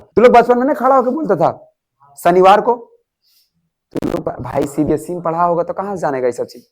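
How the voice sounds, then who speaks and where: Animated high-voiced teacher quizzing a class. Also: male voice, fairly quick, poor audio. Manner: animated, quizzes students with repeated questions. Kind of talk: classroom lecture explaining an English story.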